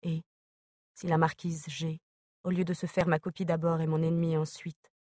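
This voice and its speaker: A woman reading a novel aloud as narrator, in a measured, even manner. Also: sits low, dry recording, clean studio sound. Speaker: audiobook narrator.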